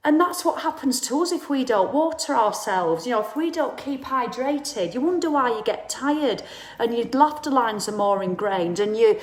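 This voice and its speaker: A woman's voice: on the high side, animated, moderate pace, roomy sound. Chatty, blunt woman in her fifties. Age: 50s. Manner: chatty, blunt, swears, acts out quoted people. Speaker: host. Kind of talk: casual live talk to viewers.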